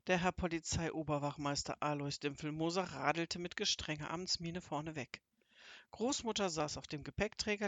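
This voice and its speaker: An audiobook narrator reading a children's story in a lively, expressive way. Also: medium pitch, no room sound. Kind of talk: scripted narration of a children's book.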